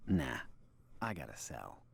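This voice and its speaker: A man's voice: extremely low pitch, big pitch swings, slow pace, gravelly, breathy edge, exaggerated voice. An actor playing a stoic male yakuza hero in a game who speaks tersely and curtly. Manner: terse, curt.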